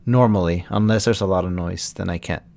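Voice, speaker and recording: A young voice actor from Texas hangs out with viewers on a live stream, casually answering their questions as they come. He speaks a little fast in a low, slightly mellow voice with vocal fry.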